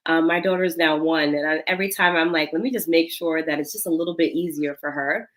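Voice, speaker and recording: A woman's voice: low voice, quick pace, a bit bright, rough recording. A woman in her thirties from Senegal, a guest in an interview, speaking in an earnest, reflective way with light laughs. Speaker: guest, cosmetics founder. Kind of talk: interview conversation.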